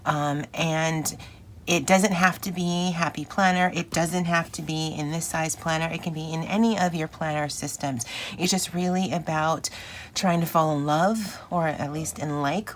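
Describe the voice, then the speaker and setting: A woman's voice: low voice, slight background noise. A woman with a phlegmy, rattly voice from morning congestion, hosting a casual, chatty craft vlog in an informal, rambling way. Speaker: planner channel host.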